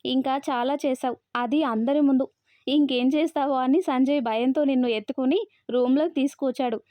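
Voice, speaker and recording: A woman voicing a lively, teasing young friend who is about to marry, read in a brisk, teasing manner. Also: sits high, no echo, lightly acted. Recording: dry, slightly dull recording.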